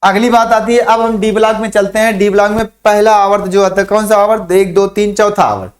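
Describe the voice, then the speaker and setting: A man teaching a chemistry lesson, repeating memory phrases slowly for students to write down and asking and answering his own questions. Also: sits high, fairly even intonation. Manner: drills mnemonics, repeats phrases slowly for dictation. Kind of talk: online classroom lesson.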